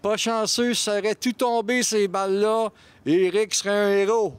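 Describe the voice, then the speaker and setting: Analytical Quebec man commentating, highish voice. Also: steady tone, normal speed, smooth, no room sound. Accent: Quebec French. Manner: analytical, explains shots and scores. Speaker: colour commentator. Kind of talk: live mini-putt sports commentary.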